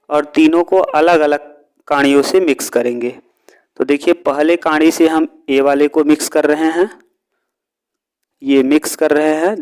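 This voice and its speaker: Guy teacher w a fairly high voice, walks through each step, asks then answers himself. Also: a little mellow, clear, resonant tone. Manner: asks and answers his own questions. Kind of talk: step-by-step lesson explanation.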